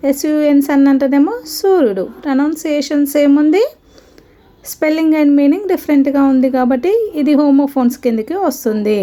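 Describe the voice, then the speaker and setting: A woman's voice: high voice, warm tone. A woman teaching a grammar lesson, patiently spelling words out letter by letter and repeating each rule. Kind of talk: grammar lesson explaining word pairs.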